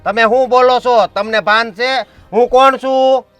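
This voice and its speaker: A man's voice: very high voice, fairly even intonation, unhurried, fairly bright tone, clean tone, no room sound, soft background music. A man playing a stubborn village enforcer in a short film, bossy and threatening. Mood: stern. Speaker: village strongman blocking the road. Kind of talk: short film drama acting.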